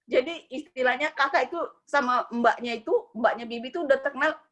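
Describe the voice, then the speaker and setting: Woman sharing a story at family worship, a bit high voice, chatty and loose. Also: a little fast, a bit bright. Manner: chatty storytelling, calls herself "kakak". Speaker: speaker at a family worship service. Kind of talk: casual personal testimony.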